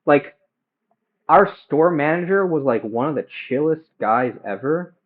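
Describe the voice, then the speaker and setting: A man's voice: fairly high pitch, expressive. Young man on a tinny headphone mic. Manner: hesitant, halting, self-questioning. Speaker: livestreamer cooking at home. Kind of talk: casual rambling chat while cooking. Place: home kitchen. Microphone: headphones used as a phone mic. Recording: phone-like, headphone mic livestream.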